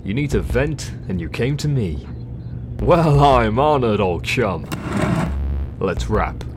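A man's voice: medium pitch, animated, slow, background noise. A man playing a pompous, dim, cheerful space adventurer in a comic sci-fi audio drama, declaiming grandly and obliviously. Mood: oblivious, breezy.

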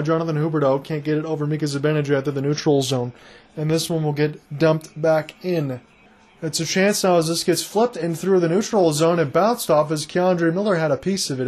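A man's voice: on the high side, darkish tone. A man giving live hockey play-by-play commentary, with chatty, conversational asides to his listeners.

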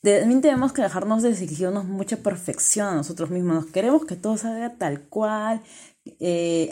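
A woman hosting a self-help podcast, talking straight to the listener in an earnest, encouraging way. She says her voice is naturally loud. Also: mid-range voice. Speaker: podcast host.

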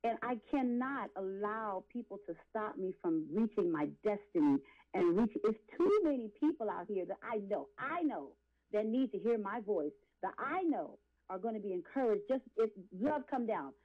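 In a muffled recording, a woman in her late forties speaks with a medium pitch, lively intonation and a moderate pace. She is an R&B and gospel singer guesting on an interview, giving testimony that is impassioned, preachy and emphatic, with phrases repeated.

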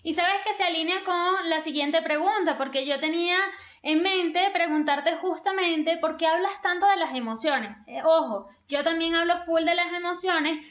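A woman's voice: extremely high pitch, fairly bright tone, reverberant. A woman podcast host asking interview questions in a chatty, enthusiastic way.

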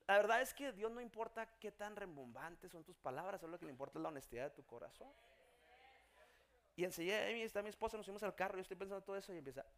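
A man preaching a sermon as pastor, building from hushed storytelling to shouted emphasis. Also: high-pitched, lively intonation, fast.

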